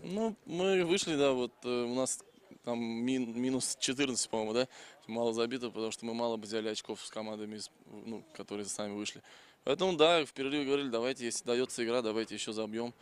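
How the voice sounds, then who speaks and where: A man's voice: mid-range voice, fast, clean tone. A man in his thirties, a football coach, giving casual post-match answers outdoors into a held-out microphone. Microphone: interviewer's handheld microphone.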